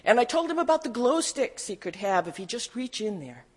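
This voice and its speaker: A middle-aged woman pastor giving a sermon, telling a personal story in a gently humorous, storytelling way. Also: a little high, big pitch swings, brisk.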